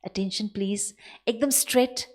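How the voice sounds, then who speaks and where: A woman's voice: medium pitch, normal speed, a little mellow. A woman meditation teacher giving a spiritual lesson with a story. She often turns to the audience with questions.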